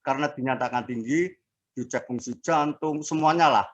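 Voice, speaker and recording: Halting man in his sixties. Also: medium pitch, highs cut off. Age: 60s. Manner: halting, with fillers and restarts. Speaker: interviewee sharing a health testimony. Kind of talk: casual personal testimony.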